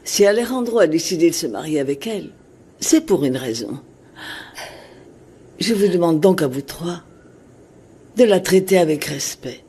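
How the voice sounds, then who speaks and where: An actress playing a wealthy middle-aged mother who speaks in a measured, formal and authoritative way. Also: fairly low pitch, darkish tone, slightly rough. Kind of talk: dubbed drama acting.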